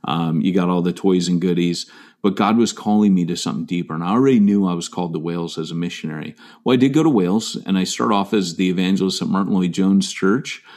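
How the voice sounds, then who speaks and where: Speaking fast in a deep, darkish voice, this middle-aged pastor from the United States recounts his personal story for an interviewer. He comes across as earnest and self-deprecating, stumbling through plenty of fillers and restarts.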